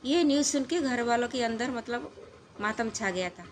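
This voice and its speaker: A woman's voice: on the high side, animated, normal speed, a little hiss or hum. Woman telling a family story casually. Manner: rambling, many fillers and restarts.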